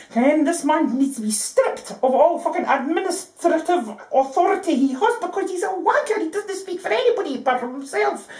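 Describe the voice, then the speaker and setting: A Scottish woman rants into the camera, her pitch leaping up and down as she swears her way through the story. She laughs at herself often and drops "ken" and "aye" into nearly every sentence. The room around her rings with echo. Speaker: vlogger. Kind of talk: profane ranting monologue.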